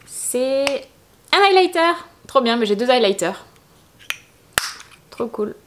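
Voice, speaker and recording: A young woman chats her way through an unboxing, bubbly and full of little exclamations and fillers. Her voice sits a little high, and a faint noise runs under the recording. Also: takes it slowly. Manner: chatty and enthusiastic, many fillers and little exclamations. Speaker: beauty vlogger. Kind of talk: casual unboxing chat.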